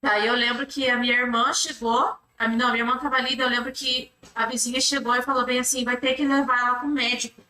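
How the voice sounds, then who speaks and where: A high, bright-voiced woman with a Brazilian Portuguese accent gives courtroom testimony, hurrying through a rambling retelling in a level tone. Her clauses are strung together with the same fillers again and again, and the distant microphone makes the room sound echoey.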